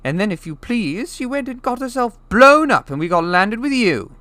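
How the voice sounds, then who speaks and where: A man's voice: very high voice, very animated, normal speed, bright, forceful tone, no echo, voice pushed up, heavily acted. A man voicing a bitter, scornful middle-aged woman in a storybook reading, ranting with spiteful, heavily stressed words. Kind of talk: storybook character voice in an audiobook reading.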